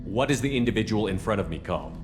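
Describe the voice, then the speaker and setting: An actor playing a decisive starship commander who speaks in a firm, measured, commanding way. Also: male voice, fairly low pitch, lively intonation, over music, close to an everyday voice. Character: military starship commander, decisive human man. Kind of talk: video game cutscene acting. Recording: game audio with score.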